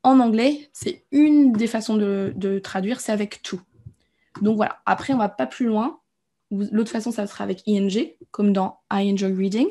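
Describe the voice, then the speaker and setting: Young adult female English teacher, casual and encouraging, mellow voice. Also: mid-range voice, normal speed. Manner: casual, encouraging, chatty explanations. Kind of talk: live online English lesson.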